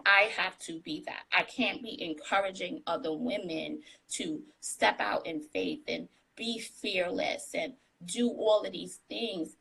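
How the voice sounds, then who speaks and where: Over a phone on a live video call, a woman guest talks candidly in a casual interview and laughs a lot, calling her own voice tiny. Her mid-range voice is bright and forceful with vocal fry and a breathy edge, and the recording quality is low.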